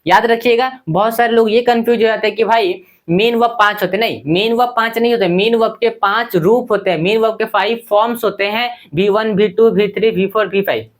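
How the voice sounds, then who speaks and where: A man's voice: sits high, steady tone. A male English teacher explaining grammar in Hindi, asking and answering his own questions and repeating key points for his viewers. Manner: addresses viewers as friends; slows to recite word lists.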